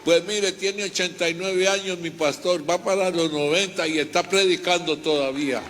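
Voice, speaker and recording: A man's voice: high-pitched, steady tone, moderate pace, noisy background. An older man, a reverend, giving a fervent personal testimony and retelling his story in repetitive, heartfelt bursts.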